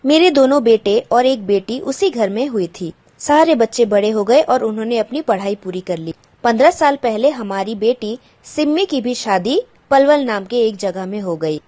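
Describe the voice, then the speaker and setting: A woman's voice: on the high side, animated, moderate pace, few pauses, a little mellow. A woman teacher patiently explaining a school textbook chapter to children, glossing English words and asking the pupils questions.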